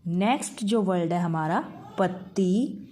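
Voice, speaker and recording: A woman teaching a Hindi lesson to young schoolchildren. She talks patiently, calls the pupils "beta", mixes English words into her Hindi and draws out each word slowly. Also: fairly low pitch, warm tone. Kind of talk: online class lesson.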